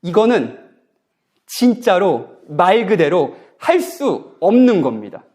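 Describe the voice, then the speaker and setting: A man's voice: sits high, sing-song, slow pace, a little mellow. A man, a guest pastor, preaching a sermon at a church Bible conference in a conversational way, often asking the congregation questions. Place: church sanctuary.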